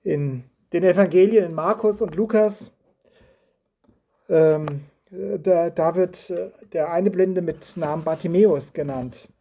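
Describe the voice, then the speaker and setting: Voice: medium pitch, takes it slowly, warm tone. A preacher giving a sermon indoors in a house, reading scripture and asking the listeners reflective questions.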